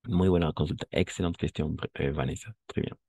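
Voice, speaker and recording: A man's voice: a bass voice, steady tone, a little fast, warm tone, husky. A man teaching a French lesson, patiently explaining and switching between French and Spanish. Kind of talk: online language lesson.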